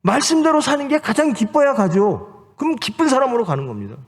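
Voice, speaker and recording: A man's voice: very high-pitched, wildly swooping pitch, brisk, breathy edge. A man, a pastor, preaching a Sunday sermon with emphatic rhetorical questions and exhortations. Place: church sanctuary. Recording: long church hall reverb.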